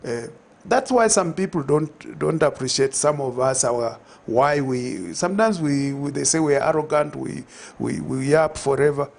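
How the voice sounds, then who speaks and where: On a TV studio set, an older man with a Zambian accent talks through a conversational interview on a lapel mic. He's reflective, full of fillers and restarts, and his slightly high, creaky voice moves at normal speed with few pauses.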